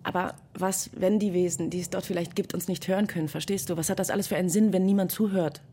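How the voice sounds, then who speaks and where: A woman's voice: fairly low pitch, steady tone, fast, slightly rough. An actress playing Deirdre, a thoughtful young woman narrating a sci-fi radio drama. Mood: reflective. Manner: quiet, thoughtful, restrained.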